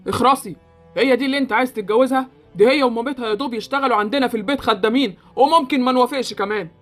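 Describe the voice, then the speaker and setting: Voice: mid-range voice, very fast, faint music behind, close to an everyday voice. A voice actor playing a scornful rich Egyptian uncle. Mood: contemptuous. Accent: Egyptian Arabic. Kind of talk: Roblox voiced drama.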